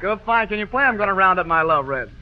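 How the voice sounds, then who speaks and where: A man hosting an old-time radio quiz show, joking and bantering with his band in a brisk patter. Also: high-pitched, lively intonation, music in the background. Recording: dull lo-fi old radio broadcast.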